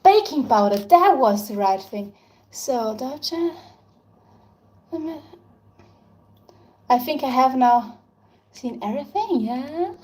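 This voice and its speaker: Speaking slowly with long pauses, this young woman from Tyrol has a high-pitched, animated, slightly mellow voice and an Austrian German accent; Tyrolean German is her native tongue. She bakes on a casual live stream, chatting, replying to comments and frequently thanking viewers, in an echoey, noisy room.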